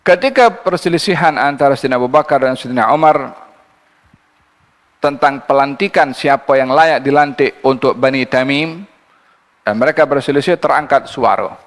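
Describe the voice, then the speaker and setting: A man giving a Quran commentary lecture, reciting verses slowly and then explaining them in a lively teaching voice. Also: mid-range voice. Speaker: religious teacher. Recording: long hall reverb.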